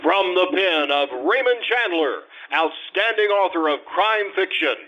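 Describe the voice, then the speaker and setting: A man announcing a radio drama in a slow, deliberate, formal way. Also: high-pitched, animated, bright, forceful tone, dull audio.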